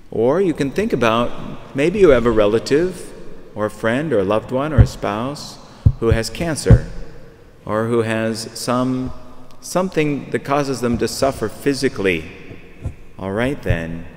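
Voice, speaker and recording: A man in his fifties preaching a sermon from a pulpit, talking conversationally and repeating phrases as he searches for words. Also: mid-range voice. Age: 50s. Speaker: priest. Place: large church, at a pulpit. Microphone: far camera. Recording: long church reverb.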